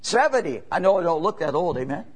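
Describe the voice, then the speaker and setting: A crowd can be heard behind a traveling evangelist in his seventies, whose slightly high voice has a sing-song lilt. His sermon is folksy and repetitive, full of "amen" and "you know," with long pauses and surges of rising emphasis.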